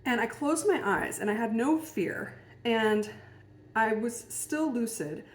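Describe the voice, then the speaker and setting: A woman's voice: fairly high pitch, animated, takes it slowly. A woman telling a personal story in a casual, musing way, hesitant and full of fillers and restarts. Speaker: vlogger. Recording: roomy echo.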